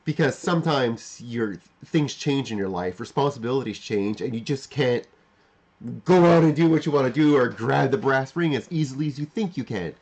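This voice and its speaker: Animated and breathy, this forties-aged livestream host speaks at medium pitch and moderate pace with a darkish tone. Talking off the cuff to his live chat, he reflects aloud, rephrasing and repeating points emphatically.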